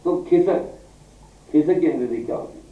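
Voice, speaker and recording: A man's voice: fairly high pitch, normal speed, phone-quality sound. A male English teacher lecturing a class, firing questions at his students and scolding them. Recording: echoey room, far from mic.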